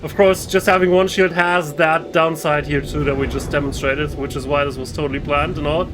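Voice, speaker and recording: This gaming video host has a slightly high, steady voice and speaks at a moderate pace while commenting casually on his gameplay. He rambles and hesitates, often restarting his sentences, against a noisy background with game music clearly present.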